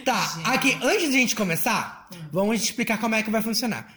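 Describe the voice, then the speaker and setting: A man's voice: sits high, animated, fairly quick, sharp tone. A man co-hosting a podcast, playful and self-mocking, leading the group game. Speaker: podcast co-host. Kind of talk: casual podcast chat.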